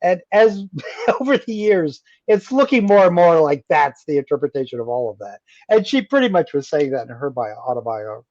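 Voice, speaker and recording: A man's voice: on the high side, brisk, no echo, muffled recording. A man who is a guest author in a radio interview, talking animatedly and acting out the voices of people he quotes. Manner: animated, acts out quoted voices while telling stories.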